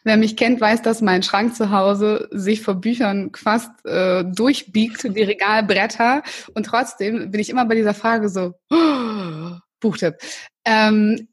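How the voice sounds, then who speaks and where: A career coach from northern Germany, guesting on a podcast, speaks slowly in a medium-pitched voice with a breathy edge. Her casual interview talk is warm and enthusiastic, peppered with fillers and restarts.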